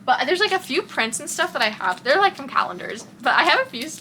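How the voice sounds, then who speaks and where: Fast, very animated, and forceful, a young Texan woman vlogs from her bedroom in a high, bright voice with a light local accent. She rambles casually and keeps losing her thread, captured in a rough recording with a little hiss or hum.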